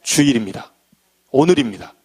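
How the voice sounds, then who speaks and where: A middle-aged man preaching a sermon as a pastor, animated and acting out the voices he quotes. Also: mid-range voice, normal speed, slightly rough.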